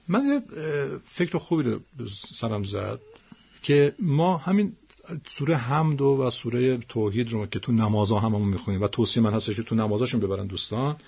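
A man teaching the stress rules of Quranic Arabic, patiently repeating words slowly. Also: medium pitch, creaky, breathy edge.

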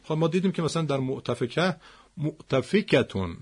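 A man teaching the stress rules of Quranic Arabic, patiently repeating words slowly. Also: a little high, expressive, breathy edge.

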